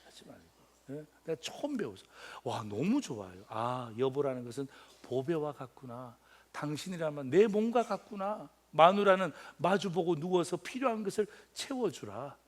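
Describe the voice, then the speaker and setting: A man in his fifties, a pastor preaching a sermon in a joking, animated way, swinging from loud exclamations to quiet asides. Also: fairly high pitch, moderate pace. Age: 50s.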